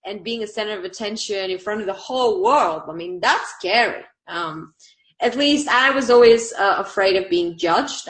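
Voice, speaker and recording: A Bulgarian woman with a mid-range, slightly bright voice speaks with her native accent. As an online community manager in a casual interview, she comes across bubbly, laughing a lot between fillers.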